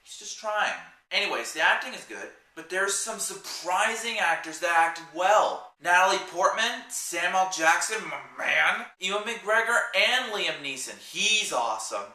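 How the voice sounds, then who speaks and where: A man's voice: sits high, lively intonation, a little slow, few pauses, pushed and bright. A man talking through a casual movie review vlog, chatty and rambling, wandering off into side remarks. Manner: chatty, rambling, with sidetracked asides. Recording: roomy echo, mic at a distance.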